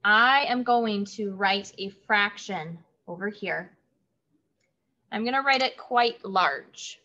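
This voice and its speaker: A woman teaching third graders in an online lesson, speaking slowly and clearly and repeating key words for the children. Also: mid-range voice, bright, forceful tone. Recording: dull lo-fi audio.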